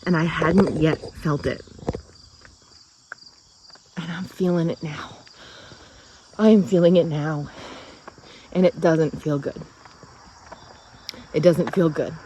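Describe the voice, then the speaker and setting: A woman in her forties crying as she talks earnestly in a personal vlog, her words halting and heartfelt. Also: sits low, warm tone, slight background noise, rough recording. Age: 40s. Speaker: vlogger.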